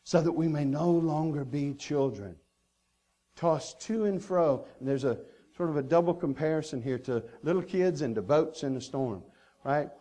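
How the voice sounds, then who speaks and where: A man's voice: on the high side, moderate pace, warm tone. A man preaching a sermon as pastor, earnest and emphatic, stacking repeated phrases.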